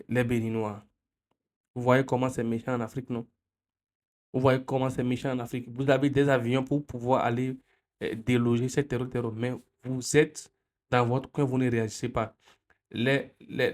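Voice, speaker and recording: A man's voice: medium pitch, a little mellow. Impassioned man. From Benin. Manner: impassioned, repetitive, rhetorical questions. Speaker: video commentator. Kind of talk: political commentary monologue.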